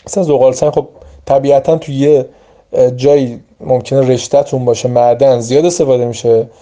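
Dark-voiced man teaching vocabulary. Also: medium pitch, steady tone. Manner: explains word by word, stressing pronunciation. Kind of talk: vocabulary lesson.

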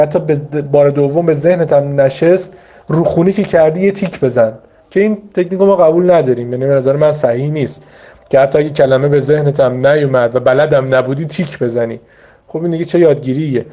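Male tutor, fairly high and mellow voice, informal and patient, repeats key points, speaks straight to students. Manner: patient, repetitive, explains step by step with many asides; addresses students directly and encouragingly. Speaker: vocabulary teacher. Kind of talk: informal spoken study advice to learners.

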